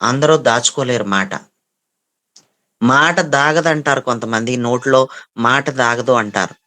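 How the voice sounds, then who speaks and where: A man's voice: medium pitch, a little slow, sharp tone. A man preaching a sermon with passion, asking rhetorical questions and repeating his phrases for emphasis.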